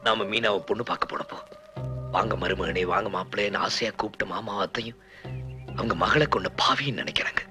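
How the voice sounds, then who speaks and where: An actor playing a young man weighed down by guilt, speaking in earnest, pleading film dialogue over loud music. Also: fairly low pitch, fairly even intonation, fast, close to an everyday voice. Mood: brooding. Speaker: film character.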